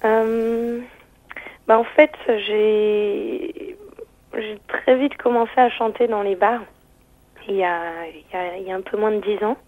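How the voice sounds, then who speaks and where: Soft thin-voiced lady on a phone line, rolls her r's, bit retro, keeps searching for words in an interview. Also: medium pitch, steady tone, a little slow, no echo. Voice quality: thin, tender, slightly retro voice. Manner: hesitant, searching, frequent repetitions. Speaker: singer interviewed as phone-in guest. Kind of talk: casual radio interview answers. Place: on a phone call to radio. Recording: band-limited telephone line, dry.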